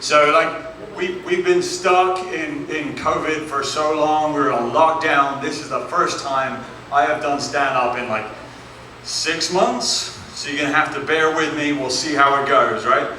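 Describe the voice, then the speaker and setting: A man's voice: fairly high pitch, measured pace, sharp tone, very echoey, recorded from a distance, a little hiss or hum, poor audio. A man from South London with a South London accent doing a chatty, self-deprecating stand-up set in a club. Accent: South London English. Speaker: stand-up comedian. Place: comedy club stage.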